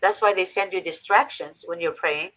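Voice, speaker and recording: A woman's voice: on the low side, normal speed, a bit bright, rough recording. A woman from Egypt hosting a faith-based advice talk, earnest and preachy with emphatic repetition. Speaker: host.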